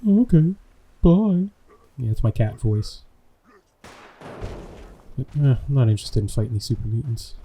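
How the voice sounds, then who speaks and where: A man's voice: lowish voice, fairly even intonation, normal speed, pauses often, dark tone, slight background noise. A man hosting a let's play, giving laid-back, joking commentary while playing a game. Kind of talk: casual gameplay commentary.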